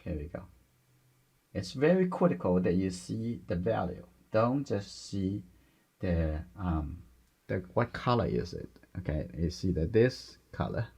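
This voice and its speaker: Gentle, low gravelly male painting instructor. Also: very animated, a little slow. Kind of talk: step-by-step painting demonstration, unscripted.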